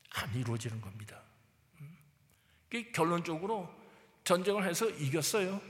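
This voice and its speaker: Man, pastor, sermon, emphatic, rhetorical prompts, acts out scripture figures, fairly high voice, long church reverb. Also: fairly bright tone. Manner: emphatic, prods listeners with rhetorical "eh?"; acts out Bible figures in quoted speech.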